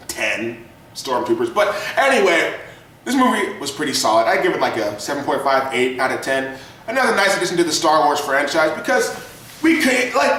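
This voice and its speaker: A man's voice: a little high, pushed and bright. Profane, rambling young man reviewing a movie. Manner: profane, rambling, laughs often. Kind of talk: casual video review. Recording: echoey room, distant mic, faint noise.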